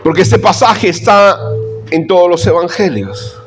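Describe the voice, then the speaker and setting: A pastor preaching a sermon to his church. His voice sits high for a man and swings widely up and down as he presses the congregation with pointed questions. Soft music plays underneath him. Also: big pitch swings, measured pace. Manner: emphatic preaching, rhetorical questions, addresses the congregation as brothers.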